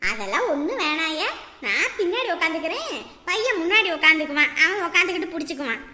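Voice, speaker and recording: A woman's voice: very high-pitched, sing-song, fast talker, pushed and bright, in a large hall, exaggerated voice. A woman playing a caring, forgiving middle-aged mother-in-law, in a family drama. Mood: fond. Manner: fond, soothing, motherly.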